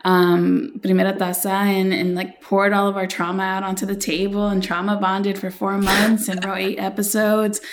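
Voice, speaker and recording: Animated woman telling her story. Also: mid-range voice, moderate pace, few pauses. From Los Angeles, USA. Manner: animated storyteller, many fillers and restarts. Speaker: guest, screenwriter. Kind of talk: interview storytelling.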